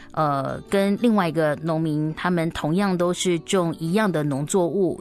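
A woman hosting a children's story programme, speaking in animated, simple, explanatory phrases as if reading to small children, with soft particles ending many sentences. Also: on the low side.

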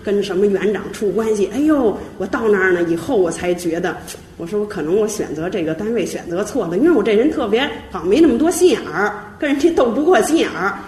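A middle-aged woman giving a lively personal testimony, chuckling as she tells it. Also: mid-range voice, fast talker, roomy sound, a little hiss or hum. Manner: lively storytelling, chuckling often.

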